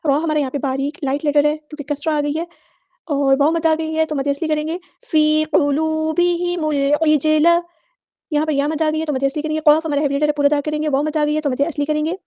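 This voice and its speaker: A woman teaching Quran recitation rules. She explains each rule briskly in a methodical way, then recites the words slowly and draws out the vowels. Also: high voice, flat delivery, dark tone, no room sound. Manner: methodical, repeating set phrases for every letter. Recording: dull lo-fi dry audio.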